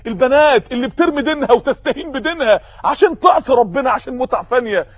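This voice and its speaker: A man's voice: very high-pitched, expressive, racing, no echo, lo-fi sound. A man with an Egyptian Arabic accent preaching a sermon, impassioned and firing off rhetorical questions.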